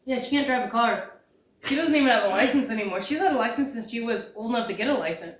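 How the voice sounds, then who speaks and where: Giggly, tipsy woman with a high voice. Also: expressive, quick pace, echoey room. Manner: giggly, sarcastic. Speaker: co-host, girlfriend. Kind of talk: drunk casual movie chat.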